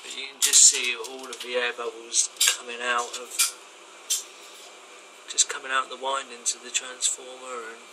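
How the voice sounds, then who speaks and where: A man's voice: medium pitch, moderate pace. A man casually explaining a hobby project in informal, colloquial speech, filming on a handheld device in a kitchen. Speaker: hobbyist demonstrating a homemade project. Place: small domestic kitchen, indoors. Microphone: handheld phone or camera behind the lens. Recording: steady machine hum behind the voice.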